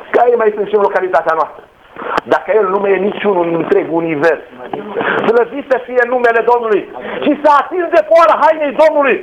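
A man preaching a sermon with passion, retelling scripture stories and rising to shouts. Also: very high voice. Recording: dull lo-fi sound with faint noise.

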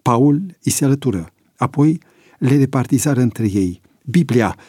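A man narrating a prison story as an audiobook in a measured, dramatic manner. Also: medium pitch, lively intonation, dark tone, no room sound, clean studio sound.

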